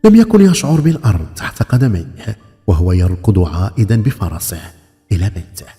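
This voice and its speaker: A man telling a scripted folk tale as a storyteller, with an expressive, theatrical delivery. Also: on the low side, fairly quick. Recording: long hall reverb with music behind. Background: music.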